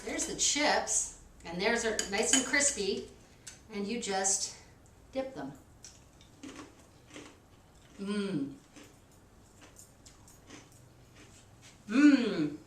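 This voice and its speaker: A woman's voice: fairly high pitch, slow pace, long pauses, fairly bright tone. Woman chatting thru a cooking demo, lots of ums, echoey kitchen, mic kinda far off. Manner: chatty, self-deprecating, many ums. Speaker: library cooking show host. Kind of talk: casual cooking demonstration. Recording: echoey kitchen, distant mic, faint noise.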